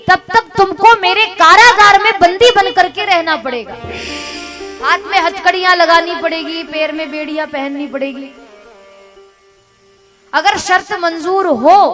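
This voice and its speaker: A woman voicing an arrogant tyrant king, commanding and threatening, while telling a devotional story. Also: very high-pitched.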